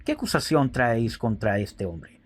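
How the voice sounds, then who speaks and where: A man voicing the Roman governor Pilate in a spoken Bible reading, in an earnest, questioning way, with a husky voice. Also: medium pitch, sing-song, moderate pace.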